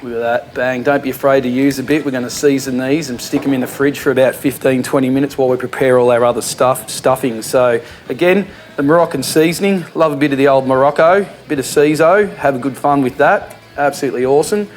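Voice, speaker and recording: A man's voice: medium pitch, quick pace. An Australian man hosting a comic home cooking show in a laid-back, slangy way, full of fillers, in a kitchen.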